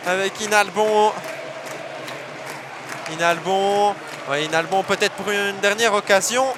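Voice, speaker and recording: Animated high-voiced hockey co-commentator, male. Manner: animated, raises voice on big plays. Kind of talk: live sports commentary. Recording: crowd noise and music behind commentary. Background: arena crowd and music.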